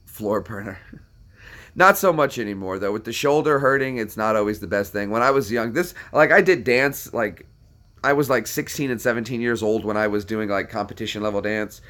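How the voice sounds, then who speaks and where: Answering viewer questions in a loose, meandering chat, a young man from the US runs himself down and fills gaps with fillers. His voice sits on the low side with a fairly bright tone.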